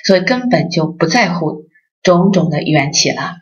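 Heading a Buddhist association, a woman gives a dharma talk full of lively storytelling and acted-out voices. Her voice is on the low side at a moderate pace, and the recording sounds dull and lo-fi.

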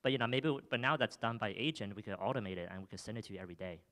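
A rapid-fire young man with a fairly low-pitched, fairly bright voice stands on a theater stage, handheld mic in hand, demoing his startup's product. His enthusiastic talk is crowded with fillers and restarts, and he then fields audience questions.

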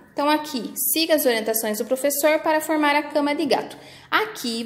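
Young children are walked through workbook tasks by a patient preschool teacher with a Brazilian Portuguese accent. She speaks slowly and sing-song in a high-pitched voice, and the sound is reverberant.

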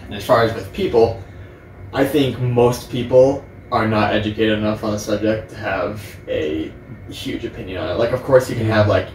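A man's voice: on the low side, moderate pace, a little mellow. A man chatting casually with friends, giving his opinions in a conversational way. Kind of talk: casual group chat. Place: living room, on a couch. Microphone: distant camera microphone. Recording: echoey room, distant mic, faint noise.

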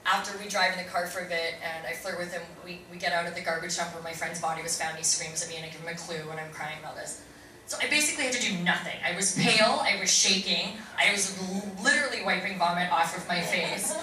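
Woman panel guest, animated storyteller, heard from afar in a booming echoey hall with noise behind. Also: fast. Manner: animated storyteller, swears, acts out quotes. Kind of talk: telling an anecdote on a convention panel. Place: large convention hall. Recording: echoey hall from far off, noisy.

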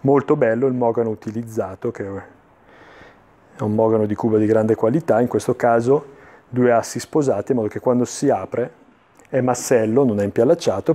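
A man presenting items in an unscripted infomercial style, explaining in a measured way with searching pauses and repetitions. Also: medium pitch, dark tone. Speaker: antiques dealer presenting items on a TV sales show. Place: indoor furniture showroom.

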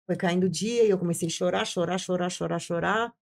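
A woman's voice: lowish voice, steady tone, brisk, gravelly. A woman giving an intense personal testimony as an interview guest, repeating phrases and acting out what she once said. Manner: intense, repeats phrases, acts out her own past words.

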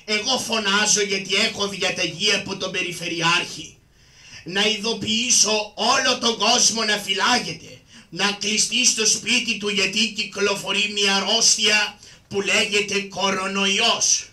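A fussy, obliging town crier of the shadow-puppet stage, voiced by a man proclaims in a slow, drawn-out, earnest way. His voice is bright and high. It echoes, heard from afar. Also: steady tone. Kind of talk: traditional shadow puppet theatre. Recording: roomy sound from far off.

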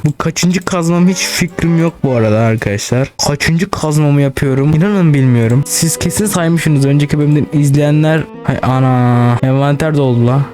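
A man giving casual let's-play commentary, excitable, swearing and talking straight to his viewers. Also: on the high side. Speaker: gaming channel host.

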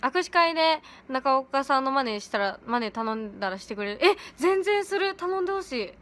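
A teenage girl with a chatting casually on a livestream from home, giggly and quick to laugh. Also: high-pitched, expressive, a bit bright. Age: late teens. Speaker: idol livestreaming to fans. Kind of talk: casual livestream chat reading comments. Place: at home in pajamas.

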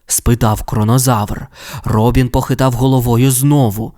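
A man narrating a children's audio fairy tale with expressive, animated storytelling. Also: mid-range voice, a little slow.

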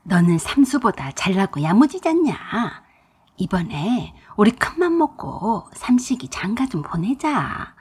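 A woman's voice: mid-range voice, sing-song, a little slow, breathy edge, exaggerated voice. Woman doing a pushy older mother-in-law. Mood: scolding. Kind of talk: storytelling.

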